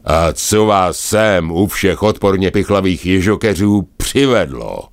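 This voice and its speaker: A man voicing a battered, gruff square-headed creature who bellows and blusters. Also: low-pitched, expressive, no echo, studio quality, voice pushed up.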